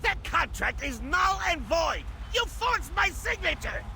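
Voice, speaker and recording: A woman voicing an indignant male goblin inventor who shouts in outrage. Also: sing-song, measured pace, vocal fry, a little hiss or hum, exaggerated voice. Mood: outraged. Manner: outraged and shrill.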